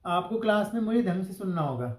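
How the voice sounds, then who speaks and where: A man's voice: sits high, animated, quick pace, reverberant, rough recording. A male English teacher giving a classroom grammar lesson, asking the class questions and spelling out example sentences word by word.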